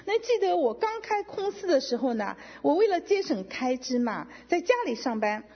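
Animated woman sharing a testimony. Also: high voice, moderate pace. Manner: emotional, animated storytelling with quoted dialogue. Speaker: testimony speaker. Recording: dull lo-fi sound with long hall reverb.

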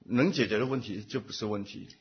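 A man giving a personal testimony at a church meeting, speaking in short phrases and pausing for an interpreter. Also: on the low side, slightly rough. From Taiwan. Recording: muffled lo-fi recording.

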